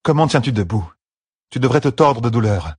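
A man voicing a stern, prickly woman healer in a fantasy audiobook, speaking in a brisk, scolding way. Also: medium pitch, expressive, husky, no echo, clean studio sound, pitched above the performer's own voice. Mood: incredulous.

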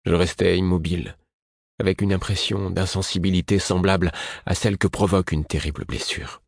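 Deep, husky male audiobook narrator. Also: steady tone, fairly quick, no room sound, studio quality.

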